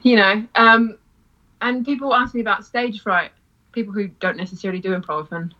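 A woman's voice: medium pitch, brisk, sharp tone, highs cut off. A woman who teaches improv, chatting casually, laughing often and acting out quoted lines. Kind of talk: casual podcast chat.

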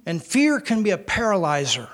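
A man preaching emphatically, pausing often for an interpreter and repeating key words. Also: sits high, big pitch swings. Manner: emphatic, repetitive, shifts from shouts to hushed tones. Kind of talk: sermon with live interpreter.

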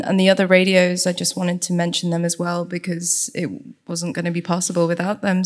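A woman talks as a guest on a panel. Her voice sits a little low, and she speaks in an unscripted, explanatory style. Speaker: guest panelist, community radio co-founder. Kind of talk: panel talk, giving credits.

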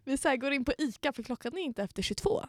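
Woman podcaster, chatty and animated, fairly high voice, dry close sound. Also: no room sound. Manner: lively storyteller, acts out what people said. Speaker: podcast co-host. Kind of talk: casual chat.

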